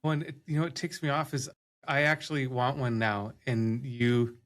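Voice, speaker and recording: A man's voice: medium pitch, steady tone, normal speed, fairly bright tone. Teasing, easygoing male co-host. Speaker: company owner, podcast co-host. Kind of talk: casual chat.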